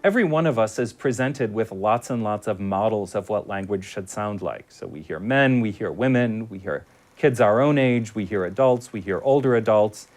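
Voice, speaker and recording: A man speaking as a speech expert, measured and analytical in an interview. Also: on the low side, lively intonation, a little mellow. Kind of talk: interview explanation.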